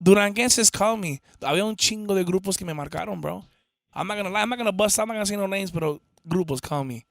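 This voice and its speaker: A man's voice: sits high, fast talker, vocal fry, a bit bright, no echo, clean studio sound. A man in a band, chatting casually in slangy Spanglish, with many stammers and restarts. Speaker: band member guest. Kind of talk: casual podcast chat.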